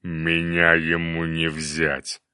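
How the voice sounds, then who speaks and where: Guy doing a low growly cyclops fire demon, sulky and slow, storybook. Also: completely flat delivery, sharp tone, clean tone, dry recording, clean studio sound, heavily acted. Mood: growling.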